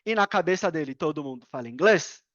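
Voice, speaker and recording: A Brazilian man with a Brazilian Portuguese accent, telling a personal story as a podcast guest in an animated, slangy way. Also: fairly high pitch, fast talker, no echo, highs cut off. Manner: animated, slangy, laughs and self-corrects often. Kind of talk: casual storytelling.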